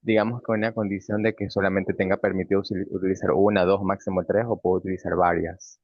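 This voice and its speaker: A man's voice: deep voice, level tone, fast talker, dry recording. A man, a student in an online class, asking a question hesitantly and restarting his words. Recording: dull, dry lo-fi audio.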